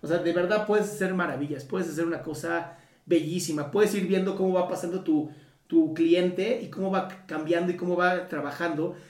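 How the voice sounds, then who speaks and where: A man's voice: a little high, fairly even intonation, moderate pace, darkish tone. A man with a Mexican Spanish accent, a psychotherapist giving a casual talk in everyday slang, swearing freely and tossing in tag questions. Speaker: Gestalt psychotherapist. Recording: roomy echo, mic at a distance.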